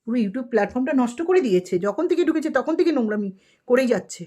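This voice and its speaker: A woman's voice: sits high, expressive, fast talker, dark tone. A woman vlogger delivering an angry, scolding rant at a rival, full of insults and rhetorical questions.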